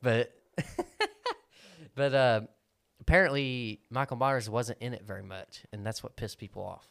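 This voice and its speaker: A man's voice: mid-range voice, moderate pace, creaky, a bit bright, dry recording, clean studio sound. A man with a rural American hillbilly accent hosting a casual podcast, joking and swearing freely as he chats. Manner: crude, joking, sweary banter. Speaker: podcast host. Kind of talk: casual chat.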